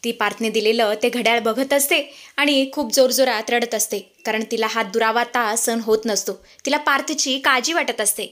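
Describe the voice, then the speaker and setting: A woman's voice: on the high side, normal speed, a bit bright. A woman dramatically narrating a TV serial episode recap. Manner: dramatic, repetitive storytelling.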